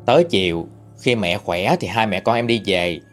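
A man narrating a first-person story in a steady recounting manner. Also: fairly low pitch, moderate pace, faint music behind.

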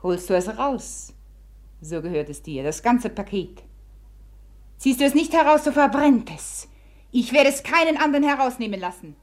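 This slightly high female voice belongs to an actress portraying a reckless, proud and wounded young society beauty in a 1950s German radio play, commanding and theatrical over an undercurrent of bitter resignation. She speaks expressively at a moderate pace, lightly acted, sounding cruel and taunting.

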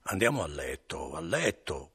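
A man voicing a wily middle-aged innkeeper who coaxes and hurries a guest in a low, husky voice. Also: sing-song, normal speed, fairly bright tone, full character voice. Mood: coaxing. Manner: wheedling, soothing then curt.

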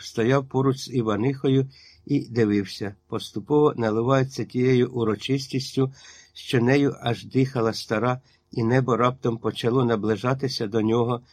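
Guy reading a story audiobook style, steady, mid pitch, dry sound. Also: moderate pace, no room sound. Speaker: reader. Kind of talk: audiobook narration.

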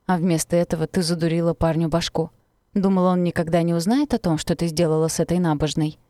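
A woman's voice: on the low side, steady tone, fast talker, mellow, no room sound, clean studio sound, close to an everyday voice. A woman reading a cruel taunting teenage boy. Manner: taunting, venomous.

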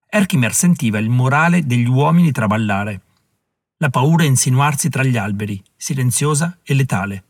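A man narrating a historical novel in a steady, dramatic reading. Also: mid-range voice, slightly rough, no echo. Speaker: audiobook narrator. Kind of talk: scripted narration.

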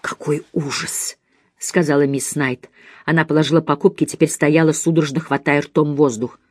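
A woman reading a novel aloud as an audiobook narrator, in a steady storytelling manner. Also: low-pitched, brisk, dry recording, clean studio sound. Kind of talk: scripted narration.

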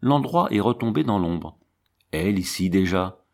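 A man reading a classic novel aloud as an audiobook, in a measured narrating voice. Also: low voice, animated, vocal fry. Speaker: audiobook reader.

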